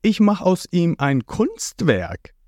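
A smug drawling villain. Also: male voice, high-pitched, huge pitch swings, slow pace, darkish tone, faint music behind, pitched above the performer's own voice, full character voice. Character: smug scheming male villain agent.

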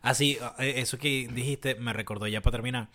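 A young man with a Venezuelan accent co-hosting a casual podcast, telling stories with animated impressions, laughing and swearing a lot. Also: mid-range voice, brisk. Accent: Venezuelan Spanish. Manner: animated storytelling, mimics others in raised voice; swears freely, laughs often. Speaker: podcast co-host. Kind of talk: casual chat.

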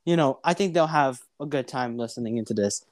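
A young man hosting a casual podcast interview, rambling with halting restarts. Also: mid-range voice, no echo, studio quality. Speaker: podcast host.

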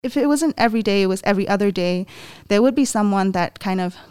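A woman from Myanmar in her twenties, a panel guest telling a personal story in an earnest, halting way with many restarts. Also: mid-range voice, darkish tone, clear, resonant tone.

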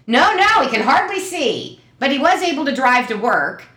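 A woman's voice: high-pitched, sing-song, normal speed, bright, forceful tone, echoey room, voice pushed up, exaggerated voice. A woman doing a chirpy, fussy old mother. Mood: dismissive. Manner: chirpy, dismissive, breezy. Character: fussy elderly mother pushing pills.

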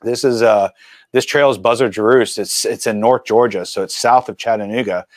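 A man in his forties, a filmmaker and mountain biker, telling stories as a guest in a casual interview with animated, chatty energy. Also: lowish voice, moderate pace, no echo. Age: 40s.

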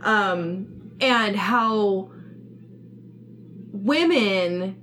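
A woman co-hosting a podcast in casual chat, excitable and quick to react with exclamations. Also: medium pitch, slight background noise. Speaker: podcast co-host.

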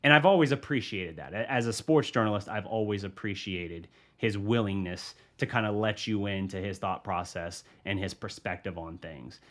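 This sports journalist's voice runs a bit low and a bit bright, and he speaks at a normal speed with few pauses. Alone on his sports podcast, he shares opinions casually, thinking them out as he goes and frequently starting over.

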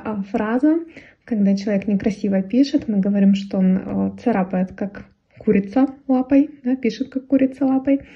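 A woman language teacher patiently translating a children's story and explaining words, sometimes laughing softly as she explains. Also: mid-range voice, husky, lo-fi sound.

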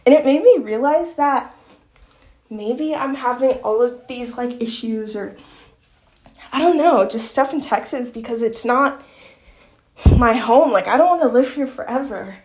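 A woman's voice: fairly high pitch, unhurried, pauses often, darkish tone. A young woman from Long Island talking in a casual, rambling vlog chat full of fillers. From Long Island, New York. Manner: chatty, rambling, lots of fillers. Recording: echoey room.

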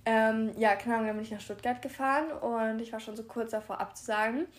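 A young woman with a somewhat high voice talks casually into wireless earbuds. She tells stories in a rambling, filler-heavy way and acts out quoted lines as she goes. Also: a little fast. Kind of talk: casual chat.

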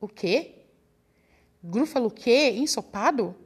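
A woman voicing a big, dim-witted male monster who talks gruffly in a storybook reading. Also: fairly high pitch, animated, takes it slowly, voice pushed up, exaggerated voice. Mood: alarmed.

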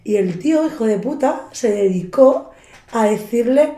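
A woman from tells travel stories in a casual chat, slipping into the voices of the people she quotes and swearing freely. Her voice is mellow and warm, and the echoey room adds a roomy ring to it. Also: on the high side, expressive, a little slow. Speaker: podcast guest. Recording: roomy echo.

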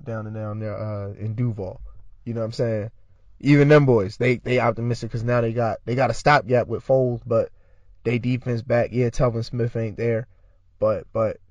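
A man's voice: mid-range voice, darkish tone, no echo. A man co-hosting a casual sports podcast, laid-back and teasing, with lots of filler asides. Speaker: podcast co-host.

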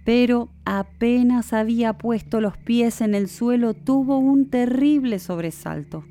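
A woman narrating a classic fairy tale in a measured storytelling manner. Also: fairly high pitch, mellow.

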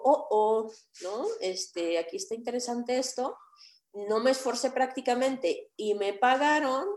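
A woman in her thirties with a Mexican accent, a guest telling her story in casual, lively, self-mocking anecdotes. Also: fairly high pitch. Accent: Mexican Spanish. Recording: echoey room.

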